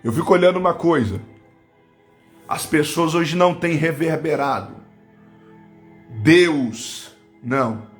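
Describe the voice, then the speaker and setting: Brief: Brazilian male preacher on a live stream, high pitched, fervent, soft music underneath. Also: slow pace, long pauses. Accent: Brazilian Portuguese. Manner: fervent, swinging between loud bursts and low asides, speaking in tongues. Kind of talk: live-streamed Pentecostal sermon. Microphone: webcam or phone on a live stream.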